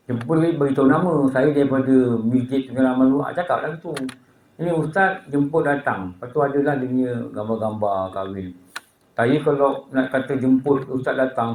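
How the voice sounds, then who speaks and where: A man's voice: mid-range voice, darkish tone. A man with a Malaysian Malay accent giving a religious lecture in a surau prayer hall, telling anecdotes and rising to emphatic preaching. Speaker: religious teacher.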